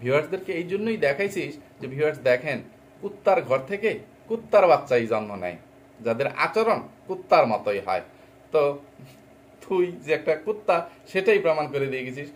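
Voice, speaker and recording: A man's voice: a little high, sing-song, fairly quick. A man delivering an angry, insulting rant as a reaction vlogger, scolding and mocking another vlogger.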